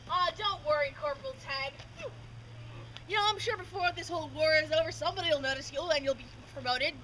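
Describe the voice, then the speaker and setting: Woman acting a high-voiced, boastful, bumbling sergeant. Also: expressive, quick pace, fairly bright tone, low-quality recording. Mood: smug, patronizing. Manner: cocky, blustering, hesitant when challenged. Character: boastful, bumbling, self-important soldier sergeant. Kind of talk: comic live renaissance faire stage acting. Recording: outdoor live recording, clear ambient noise.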